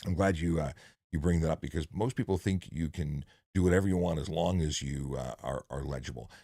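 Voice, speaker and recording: A man's voice: very deep voice, a little fast, creaky, mellow, husky, dry recording, clean studio sound. A man, a former traffic cop hosting a casual live question-and-answer stream, chatty and jokey. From Canada. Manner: chatty, jokey, filler-heavy. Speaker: livestream host, former traffic police officer.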